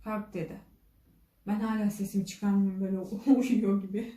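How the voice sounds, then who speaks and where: Vlogger woman, casual storyteller, very dark mellow tone, roomy distant sound. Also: mid-range voice, level tone, moderate pace. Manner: retells dialogue with frequent "dedi" and "dedim". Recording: echoey room, voice from a distance.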